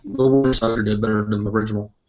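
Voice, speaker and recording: A man's voice: lowish voice, steady tone, racing, muffled recording, faint music behind. A man talking over a remote call line that breaks up, giving short, casual, agreeing replies as a guest reviewer in a chat. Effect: heard over a remote call line that breaks up.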